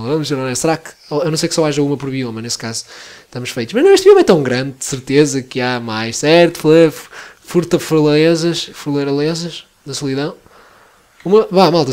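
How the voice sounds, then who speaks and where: A man's voice: on the high side, a little mellow. A young man from Porto with a European Portuguese accent, chatting, joking and swearing casually as he narrates a Let's Play. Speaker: gaming YouTuber.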